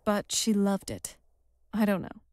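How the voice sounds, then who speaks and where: Recorded dry in a clean studio, an actress plays a reflective, wistful vampire noblewoman who looks young, in video game dialogue. Her medium-pitched voice sounds natural and a little mellow, moving at a measured, conversational pace.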